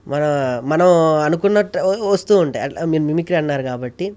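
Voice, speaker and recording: A man's voice: a little high, animated, fast talker, a little mellow. A man, a mimicry artist and producer, talking emotionally and repeating himself for emphasis as an interview guest. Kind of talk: casual interview chat.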